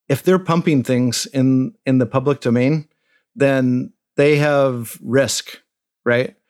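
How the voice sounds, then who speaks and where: A man's voice: mid-range voice, clean tone. A middle-aged man hosting a podcast, chatting casually and telling rambling stories. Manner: rambling, animated storytelling. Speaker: podcast host. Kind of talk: casual chat.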